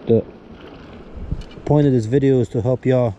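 A man's voice: medium pitch, moderate pace, highs cut off. A man casually explaining fishing steps to viewers from an outdoor pier, recorded on a chest-mounted action camera. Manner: excitable, talks viewers through each step. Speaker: fishing vlogger. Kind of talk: casual how-to commentary. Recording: wind noise on an action camera.

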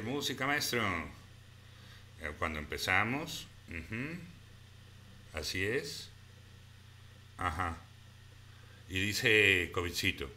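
A man's voice: sits low, pushed and bright. A man hosting a live stream, casually reading out viewer comments and thanking people by name. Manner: chatty, reads viewer comments aloud and thanks them by name.

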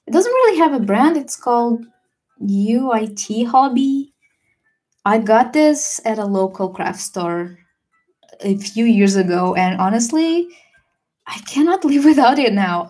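A young woman livestreaming a watercolor session, chatting casually and relaxed with fillers and small laughs. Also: on the high side. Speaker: watercolor artist streamer. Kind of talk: casual livestream chat while painting.

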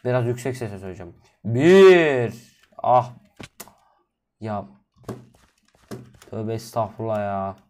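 A man doing solo gameplay commentary, chatting to viewers, drifting from low mumbling into sudden loud exasperated outbursts and curses. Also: fairly even intonation, brisk, pauses often. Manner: cursing, exasperated asides to viewers. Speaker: gaming video host.

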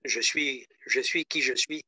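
A man's voice: medium pitch, measured pace, sharp tone, slightly rough, no room sound. A man speaking as the guest presenter in a webinar discussion, modest and thankful, over a video call.

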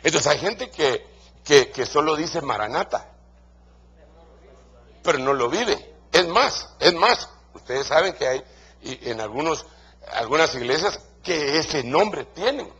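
A man's voice: on the high side, animated, slow pace, a bit bright, breathy edge, lo-fi sound. A man preaching a sermon to pastors in a Guatemalan Spanish accent, stressing his points by repeating key phrases.

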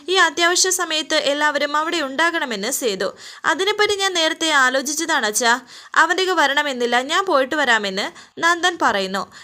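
A woman's voice: high voice, pushed and bright. A woman retelling a serial episode as a story in present tense, reading out the characters' quoted lines as she goes. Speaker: serial episode recap narrator.

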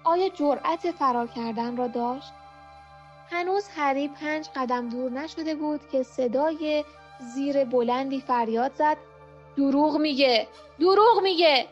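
A woman narrating an audiobook at home in a steady, dramatic storytelling manner. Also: high-pitched, soft background music. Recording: muffled lo-fi home recording.

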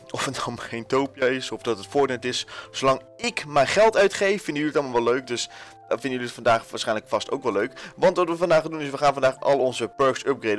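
Young Dutch gamer, lively and jokey. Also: male voice, mid-range voice. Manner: energetic, jokey, swears, shouts when panicking; many fillers, talks to viewers. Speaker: gaming YouTuber. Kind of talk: casual gameplay commentary.

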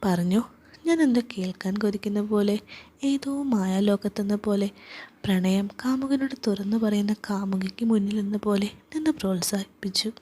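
A woman narrates in a hushed whisper, her voice soft and airy. Her pitch sits in a middle range, and she tells the story as whispered storytelling in the first person. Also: moderate pace, slightly rough.

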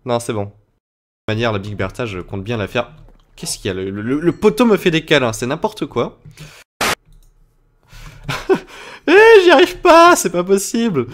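A young man hosts a gaming video in a joking, animated way. His mid-pitched voice swings widely in pitch, and he often jumps into high, panicked yelps. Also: normal speed, pauses often, a little hiss or hum. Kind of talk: Minecraft let's play commentary.

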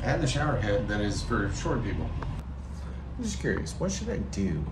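A man with a fairly low voice talks casually, as if filming his own travels. He rambles along and drops wry asides at his own expense. The recording is made on location, with very loud vehicle and outdoor noise around the voice. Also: wildly swooping pitch, normal speed. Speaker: travel vlogger. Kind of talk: casual rambling vlog narration.

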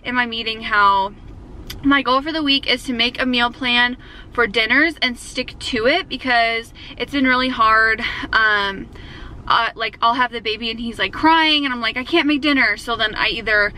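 Speaking at a normal speed in a slightly high, bright, forceful voice, a young adult woman vlogs casually and cheerfully, leaning on fillers. It's a rough recording with slight background noise, captured on a handheld camera at arm's length in her car and home kitchen.

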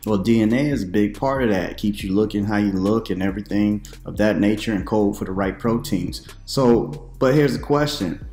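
A man in his thirties, a preacher, giving casual commentary to camera from a room at home, conversational with questioning, animated asides. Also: lowish voice, normal speed, hardly any pauses, echoey room, soft background music.

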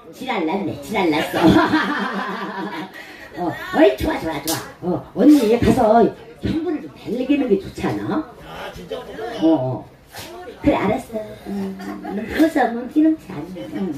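A lively woman entertainer jokes and teases her audience from the stage, laughing as she goes. Her voice leaps around in pitch. It sounds roomy and set back from the microphone. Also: far from the mic. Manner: playful, teasing, laughing often. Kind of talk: live stage banter with the audience. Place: performance venue at a mountain entrance.

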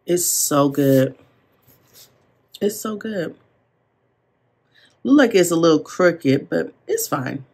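A low-voiced woman with a gravelly fry, talking unhurriedly as she decorates a planner at her desk. She gushes and gasps over every sticker, and she drifts into chatty asides. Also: takes it slowly, long pauses. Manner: excitable, gasping and gushing over stickers. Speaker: planner vlogger. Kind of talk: casual plan-with-me chat. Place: seated at a desk at home.

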